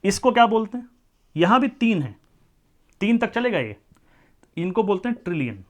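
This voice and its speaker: A male maths teacher lectures in a high-sitting, sing-song voice at normal speed. He explains step by step, mixes in English number words, and keeps asking the class whether they follow.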